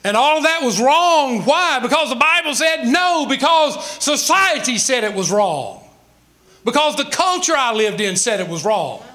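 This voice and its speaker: With big pitch swings and a sharp tone, a very high-pitched man from the Southern United States talks at normal speed. In his sixties, he's a pastor giving an emphatic sermon laced with rhetorical questions and folksy asides.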